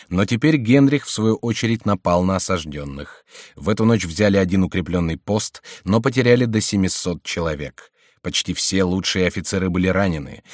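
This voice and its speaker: Low-voiced man reading a novel. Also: no room sound, studio quality. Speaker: audiobook narrator. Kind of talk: scripted narration of a historical novel.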